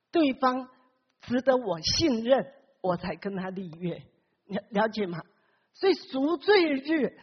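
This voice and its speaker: A woman's voice: high-pitched, breathy edge. A woman preaching a sermon who keeps asking the congregation questions and acts out the Bible characters with big swings in her voice. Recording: long hall reverb, dull lo-fi sound.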